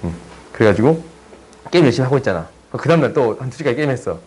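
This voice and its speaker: A young man tutoring high school math in a chatty, teasing way, often checking that students follow. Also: sing-song, racing, a little mellow, a little hiss or hum, rough recording. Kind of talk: casual online math lesson.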